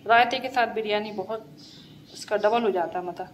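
A woman with a cold and a hoarse voice, casually explaining a home recipe step by step as a cooking vlogger. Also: mid-range voice, moderate pace, a little hiss or hum. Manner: plain, homely instructional tone.

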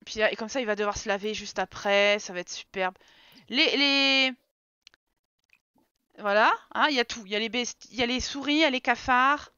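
This woman streamer has a fairly high, brisk, bright voice that sounds forceful, clear and resonant, with no room sound of its own. She chats to her characters and her audience during a life-simulation game, getting fed up with them, while the stream audio is slightly dull and game music plays.

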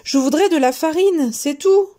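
A woman voicing a gentle, good-natured male wolf in a children's story, earnest and a little flustered. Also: high-pitched, lively intonation, measured pace. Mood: protesting.

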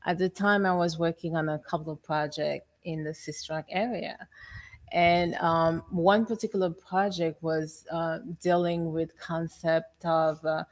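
A middle-aged woman from Haiti, an exhibition curator, speaking in a measured, reflective way on a panel in a gallery. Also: deep voice, steady tone. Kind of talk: panel discussion. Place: art gallery room, indoors.

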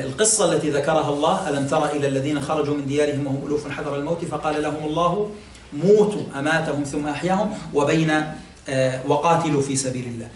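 Sheikh giving a lesson, kinda high voice, echoey room, mic a bit far. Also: male voice, slight background noise. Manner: explanatory, quizzes listeners, hesitant fillers. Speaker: sheikh teaching Quran exegesis. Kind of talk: classroom religious lesson. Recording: echoey room, mic at a distance, faint ambience.

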